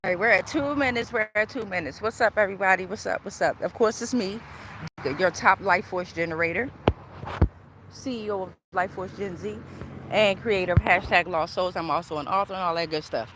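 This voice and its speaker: A spiritual tarot reader hosts a casual phone livestream while walking outdoors near traffic, speaking informally, repeating phrases, and checking in with her followers. Her mid-range voice is fairly quick, and street and traffic noise fills the recording.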